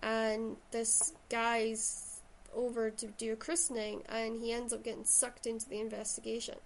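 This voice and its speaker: A woman's voice: a little high, level tone, moderate pace, creaky, slight background noise, low-quality recording. A woman with a Shetland accent chatting casually and enthusiastically about books as a host. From Shetland, Scotland. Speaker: podcast host and writer. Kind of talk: casual book chat.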